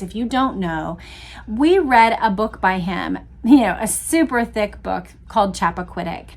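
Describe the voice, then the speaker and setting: A woman host with a fairly high pitch reads aloud from a book. She adds casual commentary, explaining things to her listeners in a conversational way.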